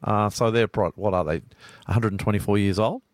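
A man's voice: lowish voice, fairly quick, no room sound, clean studio sound. An Australian man hosting a live radio show as a pastor, chatting casually in a colloquial, matey, teasing way.

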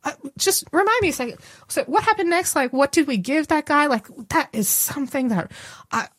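Australian woman, Bible study host, animated storyteller, slightly high voice, dry close mic. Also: no echo. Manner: animated, acts out characters in quick asides. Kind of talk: casual Bible discussion.

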